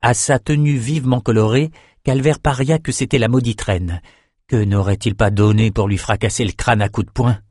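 A man narrating an audiobook in a steady, measured storytelling voice, close to the mic. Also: medium pitch, no room sound.

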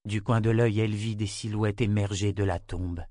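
A man with a fairly low voice reads a fantasy audiobook in a steady, measured tone. The sound is dry and close, with no room around it. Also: no room sound. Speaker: narrator. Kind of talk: audiobook narration.

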